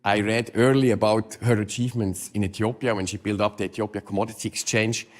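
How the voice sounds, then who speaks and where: A man, an academic, giving an informal introduction of a speaker in halting English with non-native phrasing. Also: fairly low pitch, fairly even intonation.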